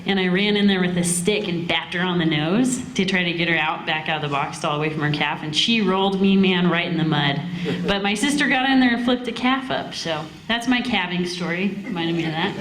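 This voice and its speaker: A woman's voice: on the low side, brisk, crowd noise. A woman telling stories casually on stage in a folksy, chatty cowboy drawl. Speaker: cowgirl singer and storyteller performing at a cowboy poetry gathering. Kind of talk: casual stage storytelling and folk singing. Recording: roomy live event sound.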